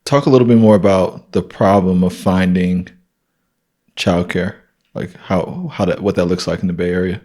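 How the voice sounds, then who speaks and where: A man's voice: sits low, steady tone, normal speed, mellow. A man hosting an interview, asking loose, hesitant questions full of fillers. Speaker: podcast host. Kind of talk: casual interview.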